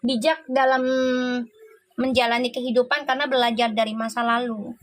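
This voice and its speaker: Excitable high-voiced tarot reader woman. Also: moderate pace, dry recording. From Indonesia. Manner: excitable, exclaiming, laughing often. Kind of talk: live tarot reading chat.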